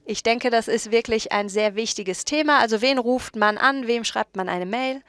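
A woman interpreting a panel discussion live from a booth. Her voice is smooth and clean, with a dry, close sound and no room echo. She keeps a steady relaying tone and often corrects herself mid-phrase. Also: fairly high pitch, moderate pace. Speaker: simultaneous interpreter.

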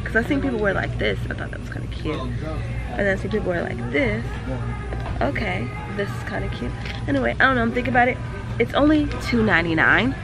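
A woman's voice: fairly high pitch, lively intonation, a little fast, over loud music. A woman in her thirties chatting enthusiastically in a casual shopping vlog, recorded on a phone held at arm's length. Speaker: vlogger.

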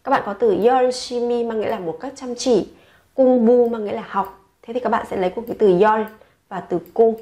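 A woman's voice: a little high, fast, dark tone, highs cut off. A woman teaching Korean slang to learners in the second person, saying each word several times before explaining it. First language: Vietnamese.

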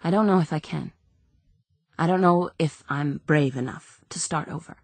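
A sardonic young woman, worn down by injury, trades dry, cutting remarks, as a woman narrator reads her. The voice sits low and husky in a dry, close space. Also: moderate pace, no echo. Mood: wry. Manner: dry, sarcastic.

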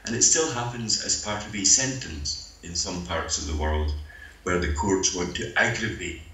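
Older Scottish man, deep and bright, dry lecturer on a video call, echoey hall. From Scotland. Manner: measured, dryly humorous lecturing. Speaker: conference panel speaker. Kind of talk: conference talk by video link. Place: meeting room, voice played over speakers. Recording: roomy hall with faint noise.

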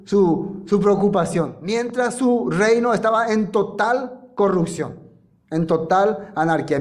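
Pastor guy, kinda high voice, telling the bible story lively, lots of questions to the room. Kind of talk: sermon.

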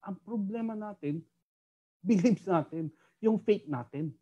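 Animated Filipino-accented Bible teacher, muffled audio. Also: medium pitch, slow pace. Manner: animated, keeps asking "di ba?". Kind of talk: Taglish Bible study teaching.

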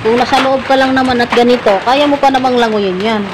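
A cheerful young woman with a fairly high, fairly even voice chats quickly in a casual vlog from a flooded farm, laughing often and calling her viewers "guys." She holds the phone at arm's length, so outdoor noise comes through.

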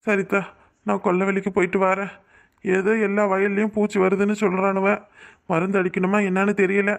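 A man voicing a stern, worried village farmer and husband in a cartoon, with a gruff, scolding manner. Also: high voice, monotone, fairly quick. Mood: weary. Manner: gruff, scolding, then troubled. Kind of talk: cartoon voice acting.

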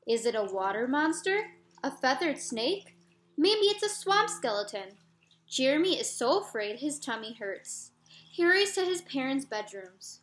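A woman reads a picture book aloud at an unhurried, gentle pace. Her voice sits high and bright, and the recording has noticeable room echo. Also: slight background noise. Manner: slow, expressive and gentle. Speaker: storyteller.

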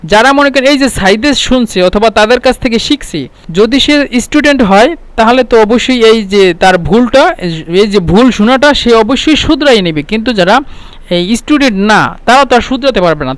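Man from Bangladesh, high smooth voice, casual language teacher, repeats himself a lot, dry close recording. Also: animated, no room sound. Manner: explains with many restarts and repeated words, slowing to spell out Arabic words. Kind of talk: casual spoken lesson. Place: home.

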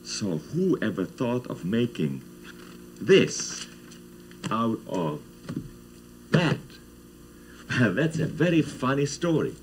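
Slow man telling kids a story. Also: mid-range voice, sing-song, a little hiss or hum, rough recording. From Czech lands. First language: Czech. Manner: playful, asks children questions. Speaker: children's TV host. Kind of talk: storytelling to children.

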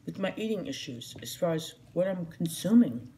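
A woman's voice: on the low side, expressive, normal speed, warm tone. A middle-aged woman talks casually to the camera while eating, chewing between phrases. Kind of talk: casual mukbang chat to camera. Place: small indoor room at home. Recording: noisy home phone recording.

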